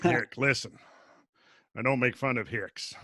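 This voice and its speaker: A man's voice: medium pitch, steady tone, unhurried, bright, forceful tone, no echo. A man with a Minnesota accent chatting casually on a podcast, jokey and self-mocking. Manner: jokey, playful self-mockery. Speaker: podcast regular.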